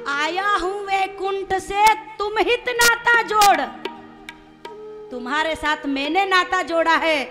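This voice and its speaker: A woman's voice: extremely high pitch, measured pace, long reverb tail, loud music behind the voice. A woman voicing a male god disguised as a begging priest, who calls out blessings in a chanting tone and stays patient and playful.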